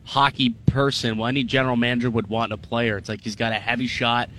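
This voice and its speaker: Bright-voiced man hosting sports talk. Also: mid-range voice, level tone, quick pace, slight background noise. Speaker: sports talk show host. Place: radio studio.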